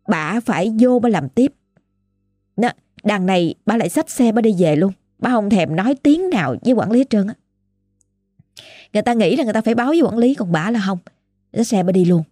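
A woman's voice: medium pitch, mellow, breathy edge, no room sound, clean studio sound. Chatty Southern Vietnamese woman storyteller. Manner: chatty, colloquial, dramatic retelling. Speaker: ghost story narrator. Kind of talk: casual storytelling.

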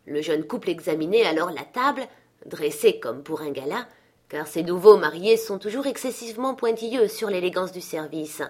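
A woman reading a classic novel aloud as an audiobook narrator, in an even storytelling manner. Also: fairly low pitch, moderate pace. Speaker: audiobook reader. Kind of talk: scripted narration.

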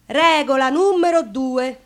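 An actress with a high voice and a Roman accent delivers a colloquial, ironic theatre monologue as a wry, defiant Roman woman. She speaks slowly, in a wry and confiding mood.

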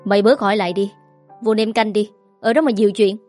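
A woman's voice: medium pitch, fairly even intonation, fast talker, darkish tone, soft background music, close to an everyday voice. A woman voicing a frantic aging mother who scolds and wails at her son over his debts. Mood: scolding. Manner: wailing, scolding, pleading.

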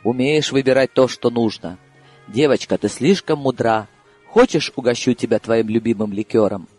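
Brief: wry old drinker, read by a man, husky tone, lively but unhurried delivery, faint music under it. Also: mid-range voice, dry recording, lightly acted. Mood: gently mocking. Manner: unhurried, dry and gently mocking. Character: calm, ironic older man, fond drinker. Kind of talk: audiobook character reading.

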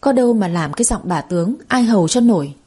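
A woman's voice: mid-range voice, lively intonation, fast, warm tone, slightly rough. A woman voicing a spoiled young sister-in-law who talks in a snide, goading way.

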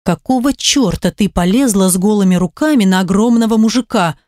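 A woman's voice: mid-range voice, fairly quick, darkish tone, no echo, clean studio sound, natural voice. A woman reading a furious, protective man in an audiobook, scolding bluntly. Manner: raging, scolding.

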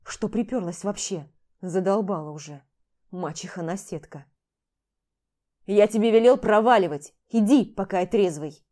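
An enraged, bitter young man barks out every line in an audiobook, rude and harsh, on the edge of shouting, as a woman reader puts him on. The tone stays dark and mellow despite the anger. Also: medium pitch, moderate pace, natural voice. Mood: angry, shouting.

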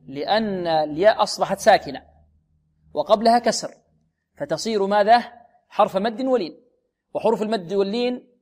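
A man teaching Quran recitation in a radio lesson, asking questions and answering them himself while slowly repeating words to model their pronunciation. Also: high voice, darkish tone.

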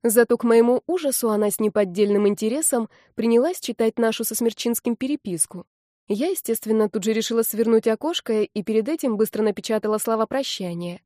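A woman reading a first-person audiobook narration in a wry, lively storytelling manner. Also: on the high side, brisk, dry recording, clean studio sound.

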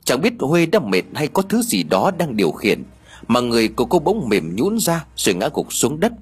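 A man narrating a ghost story audiobook with expressive, dramatic storytelling. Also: medium pitch, moderate pace, slightly rough.

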